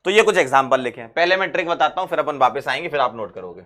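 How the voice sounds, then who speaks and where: Bright, lively chemistry teacher. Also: male voice, medium pitch, racing. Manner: lively, repeats key phrases, asks and answers his own questions. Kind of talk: exam-prep chemistry lesson.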